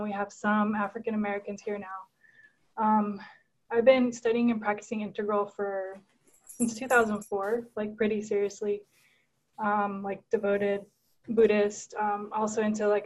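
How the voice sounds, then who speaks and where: A woman's voice: mid-range voice, flat delivery, moderate pace, a little mellow, poor audio. A woman from Guatemala on a video call, telling a personal story in an earnest, casual way with many fillers and restarts. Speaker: caller.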